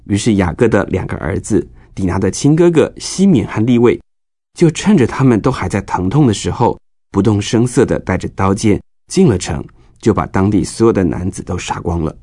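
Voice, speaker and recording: A man's voice: fairly low pitch, expressive, normal speed, mellow, dry recording, clean studio sound. A man narrating a scripted Bible story for children, explaining things as if to young listeners.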